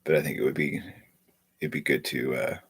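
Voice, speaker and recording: A man's voice: very deep voice, steady tone, a little fast, a bit bright, husky. A man with a stuffy nose chatting casually on a live stream, rambling and repeating his words.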